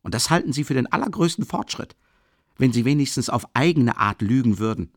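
A man reading an audiobook voices a drunk, rapturous young man who babbles in an excitable, gushing rush. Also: medium pitch, brisk, dry recording, studio quality, voice pushed up. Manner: excitable, gushing, tumbling speech. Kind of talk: audiobook character voice.

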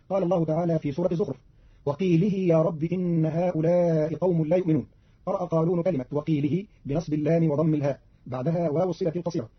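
Brisk husky-voiced male radio announcer. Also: fairly high pitch. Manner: brisk, even, formal reading. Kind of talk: scripted explanation of recitation variants. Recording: dull lo-fi radio archive recording.

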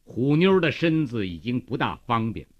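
A man, reading a novel aloud as a radio storyteller, emphatic and dramatic, moving between hushed and loud declamation. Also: medium pitch, sing-song, normal speed. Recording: slightly muffled radio broadcast.

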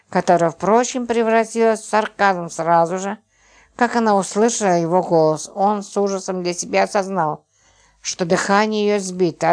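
A woman narrating an audiobook in a steady, expressive reading style. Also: medium pitch. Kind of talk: scripted narration.

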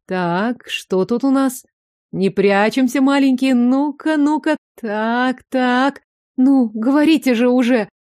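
A woman doing a brisk, grumbling doctor mum. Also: high voice, a little mellow, no echo, clean studio sound. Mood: bustling. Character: brisk, teasing middle-aged woman doctor.

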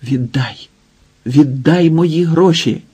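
A man's voice: fairly high pitch, slow, dark tone, breathy edge, heavily acted. A man voicing an old miserly man who pleads in a shaky, quavering voice. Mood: pleading.

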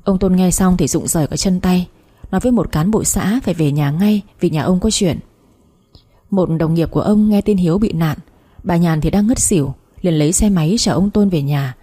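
Một người phụ nữ đọc truyện audio với nhịp kể đều đặn. Giọng khàn nhẹ, trầm tối, cao độ hơi thấp. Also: female voice, fairly low pitch, slightly rough. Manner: steady storytelling. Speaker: story narrator. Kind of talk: audiobook narration.

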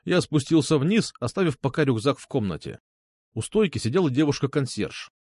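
A man's voice: mid-range voice, very animated, fairly quick, darkish tone, no room sound, clean studio sound. A man narrating first-person fiction in a wry, ironic storytelling manner. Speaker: audiobook narrator.

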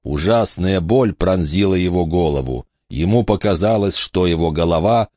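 A man narrating an audiobook in a steady, measured reading. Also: low-pitched, no room sound, studio quality.

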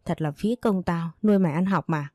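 A woman voicing a domineering older mother who scolds her son in fast, sharp-tongued bursts. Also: fairly low pitch, no echo, close to an everyday voice. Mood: furious.

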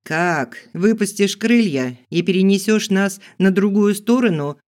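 A rough bandit gives blunt, gruff orders, read by a man in an audiobook. The delivery is slow and heavy, with a smooth, clean voice. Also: sits high, animated, a little mellow, voice pushed up.

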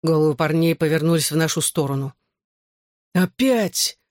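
A man's voice: fairly high pitch, moderate pace, no echo, studio quality. A man narrating a first-person novel as an audiobook, in a terse, intense manner.

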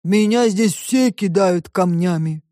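A woman voicing a dutiful, stubborn ship's robot in an audiobook, speaking slowly and evenly. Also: medium pitch, no room sound, clean studio sound, natural voice. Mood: plodding. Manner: slow, measured, flat report-like speech.

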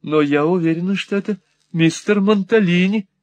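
Gentle hushed young woman, voiced by a male reader. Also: sits high, moderate pace, no echo, voice pushed up, lightly acted. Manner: soft, hushed.

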